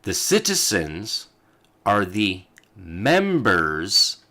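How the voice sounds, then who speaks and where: Low-voiced man reading legal texts aloud. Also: huge pitch swings, very slow, bright, forceful tone. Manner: talks as he reads, with fillers and asides. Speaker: host.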